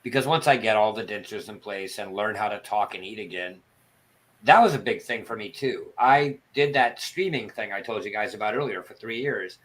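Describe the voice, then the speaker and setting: A man's voice: fairly low pitch, moderate pace, a bit bright, rough recording. A man chatting casually on a livestream in a self-deprecating, storytelling way, with a lisp and whistling s sounds from missing front teeth. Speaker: livestream participant and former broadcaster.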